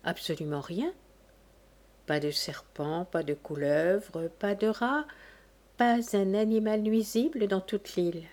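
A woman voicing a brisk, reassuring male sea captain in a read-aloud story. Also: mid-range voice, a little mellow, lightly acted.

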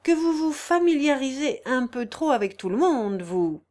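A woman's voice: high voice, sing-song, normal speed, a little mellow. A woman reading aloud, voicing an annoyed young man who answers curtly and coolly.

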